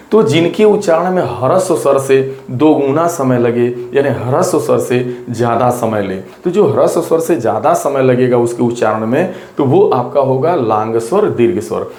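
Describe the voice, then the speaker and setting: A man teaching an exam-prep grammar lesson in a middle-pitched voice. He goes step by step, repeats his points and talks straight to his students. The room sounds echoey around him. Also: darkish tone. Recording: roomy echo.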